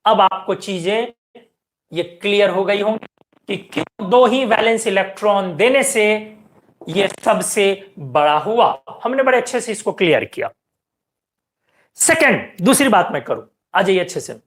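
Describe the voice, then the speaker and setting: A woman's voice: mid-range voice, animated, a little slow. A woman teaching a chemistry lecture, explaining step by step and often asking her students questions and telling them to pay attention. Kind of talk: classroom lecture.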